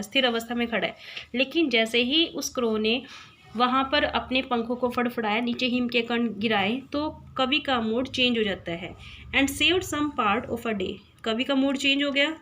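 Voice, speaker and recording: A woman teaching a school English poem, explaining it in Hindi and asking questions she then answers herself. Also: a little high. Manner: reads English lines slowly, word by word.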